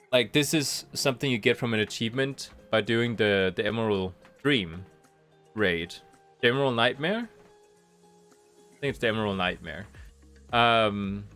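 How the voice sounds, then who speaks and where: A man live-streams a game from a room at home as rain comes down outside, chatting loosely and thinking out loud with frequent restarts. A slight cold leaves him nasal, and his fairly low voice has a slightly bright quality.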